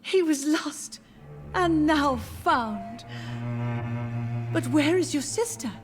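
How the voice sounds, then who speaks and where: An actress playing a frail, confused elderly mother who speaks tenderly and dreamily, with soft music behind her. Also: sits high, expressive, slow pace. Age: older. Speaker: game character. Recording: game audio with soft music.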